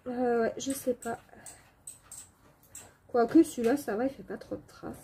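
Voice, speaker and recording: Coughing and sick with a cold, this middle-aged coloring video creator talks apologetically and informally as she colors at home, hesitating often and leaning on fillers. She speaks at a measured pace in a steady, slightly rough voice that is a little high yet dark in tone.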